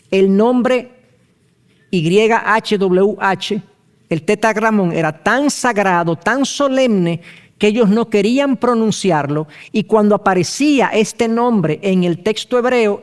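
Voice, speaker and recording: A middle-aged male pastor leads a Bible study with a high-pitched voice. He explains each point patiently and spells out terms letter by letter. He speaks at an unhurried pace and asks his listeners rhetorical questions. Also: lively intonation.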